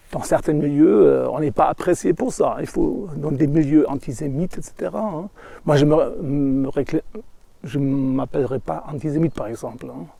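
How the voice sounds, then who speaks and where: A middle-aged man from Germany speaking with a German accent, delivering a rambling monologue haltingly as he searches for words and adds small tag questions. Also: fairly high pitch, gravelly, warm tone, dry recording.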